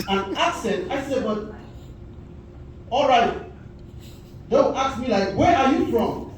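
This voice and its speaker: Speaking slowly in a very high voice, a Cameroonian man in his forties with a matching accent performs a stand-up comedy set built on stories and animated quoted voices. The recording comes from a comedy club stage, echoey and distant, with slight background noise.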